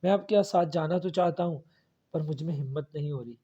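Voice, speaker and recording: A man's voice: on the high side, dark tone, husky. Man voicing a frightened young brother. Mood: scared. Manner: pleading, fearful. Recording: dull lo-fi audio.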